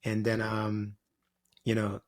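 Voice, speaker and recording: Speaking slowly in a low, completely flat voice, a man from Jamaica muses as a guest on a podcast, where he appears as a spiritual guide. His informal, rambling talk is full of "you know" and "like."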